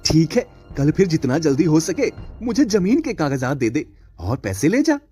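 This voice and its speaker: Sly greedy moneylender in a cartoon tale, guy voicing him, smooth and a bit high. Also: big pitch swings, normal speed, warm tone, soft background music. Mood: scheming. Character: scheming greedy village moneylender, middle-aged man. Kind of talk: cartoon story voice acting.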